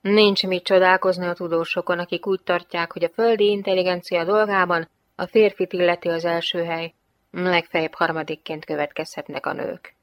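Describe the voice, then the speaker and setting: A woman narrates an audiobook in a lowish voice with a wry, ironic delivery. The recording is close and dry, with no room sound. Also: little pitch movement, dry recording, dull audio.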